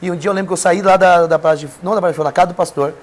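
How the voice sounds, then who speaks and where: A man's voice: high-pitched, steady tone, rapid-fire, slight background noise. A Brazilian man, a preacher and podcast guest, telling an emotional personal testimony in an earnest, emphatic way. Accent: Brazilian Portuguese. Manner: earnest storytelling, emphatic with rising intensity.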